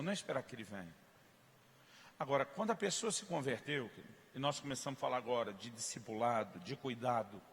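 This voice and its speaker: A man from Brazil preaching a sermon as pastor, telling stories and acting out dialogue, rising to loud emphatic peaks. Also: on the high side. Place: church hall. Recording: reverberant church hall.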